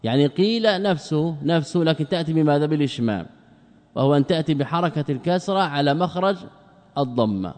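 Male grammar teacher, slightly high voice, self-answering questions, repeats example words, long hall reverb. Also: animated, quick pace, darkish tone. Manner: asks rhetorical questions and answers them himself. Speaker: sheikh teaching Arabic grammar. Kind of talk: classical grammar lesson.

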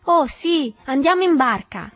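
A woman voicing an eager, fawning boy with a sweet, sing-song voice and a flattering manner. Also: high-pitched, moderate pace, no room sound, soft background music, voice pushed up, natural voice.

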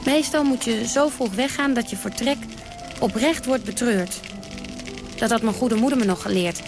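A woman's voice: fairly high pitch, moderate pace, music in the background, natural voice. An actress playing a brash, defiant woman who tells of her wild nights in a theatrical radio monologue, blunt and dry with sudden outbursts. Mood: fierce.

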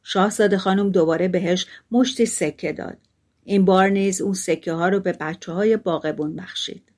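A woman narrating a fairy tale audiobook. She reads calmly and steadily, with a middling pitch for a woman.

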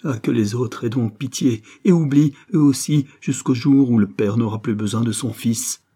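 A man's voice: lowish voice, steady tone, normal speed, warm tone, slightly rough. A man reading a novel aloud, voicing a desperate middle-aged mother who pleads for her son and husband in an anguished voice. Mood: anguished pleading. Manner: pleading, anguished, rising to cries. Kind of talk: audiobook character reading.

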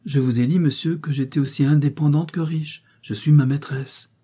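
A devoted, spirited young woman, as a male reader puts her on, gentle and reassuring. The tone stays very dark and mellow, with a husky grain. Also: on the high side, fairly even intonation, moderate pace.

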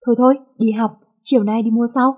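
A cocky, teasing rich young man, voiced by a woman reading a romance story. His lines come out mellow and a little breathy, playful rather than deep. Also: steady tone, fast.

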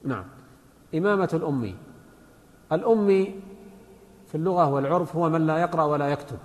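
A man's voice: a little high, lively intonation, quick pace. Man lecturing in an echoing hall. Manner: patient, explanatory, repeats and recites examples. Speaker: sheikh teaching Islamic law. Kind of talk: religious lecture. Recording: long hall reverb.

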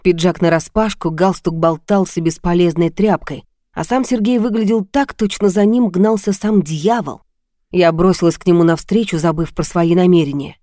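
Mellow-voiced woman narrating audiobook. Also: lowish voice, normal speed, no echo, clean studio sound. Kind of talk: first-person audiobook narration.

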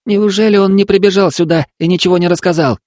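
A man's voice: a little high, moderate pace, no room sound, studio quality, pitched above the performer's own voice, close to an everyday voice. A man voicing a frightened, stubborn young village boy who pleads on the edge of tears in an audiobook. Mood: tearful.

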